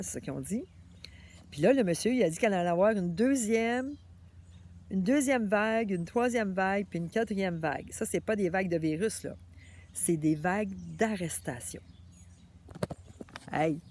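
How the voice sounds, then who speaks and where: A woman's voice: mid-range voice, normal speed, pauses often. Chatty Québécois woman talking to viewers. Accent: Québécois French. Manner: chatty, animated, talks straight to the viewer with frequent "là" and "hein". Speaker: vlogger. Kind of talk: casual monologue to viewers.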